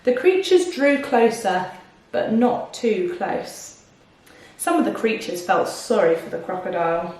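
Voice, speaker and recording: A woman narrates a children's storybook unhurriedly in a medium-pitched, slightly mellow voice with big swings in pitch, like a teacher stopping to question her young audience. She's expressive throughout, and the sound is distant and heavily echoed by the room.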